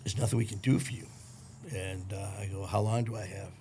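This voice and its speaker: Gravelly middle-aged man from Detroit, blunt, profane podcast guest, faint hiss behind. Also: deep voice, fairly quick. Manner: blunt, profane, animated retelling with quoted dialogue. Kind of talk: casual storytelling.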